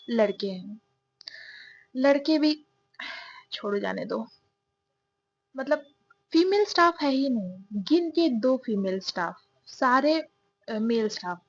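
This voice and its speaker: A young woman telling a story in a chatty, confiding way, often poking fun at herself. Her voice is a little high. The recording is dull and dry, with no room echo. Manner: chatty, self-mocking, confiding.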